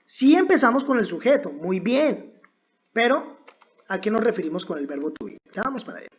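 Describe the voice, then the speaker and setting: A woman's voice: mid-range voice, big pitch swings, brisk, highs cut off. A woman teaching English grammar, speaking patiently and checking in often with her listeners. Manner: patient, repetitive, asks "¿cierto?" often. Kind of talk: slow, drilled grammar lesson.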